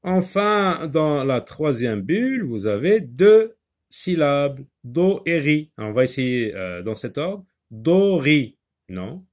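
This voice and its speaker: A man's voice: on the high side, sing-song, slow. A man teaching a reading and handwriting lesson, patiently talking the class through each step.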